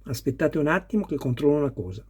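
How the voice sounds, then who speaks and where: A model kit builder walks viewers through putting together a scale model car, patiently handling every step and detail in this hands-on tutorial. His voice is fairly high, sing-song and fast, a little mellow with some huskiness.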